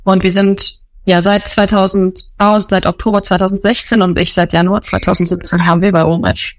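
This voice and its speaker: A woman in her thirties gives earnest interview answers as a missionary, pausing often with fillers. Her voice has an ordinary pitch, and the recording is dry and close. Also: flat delivery, dry recording.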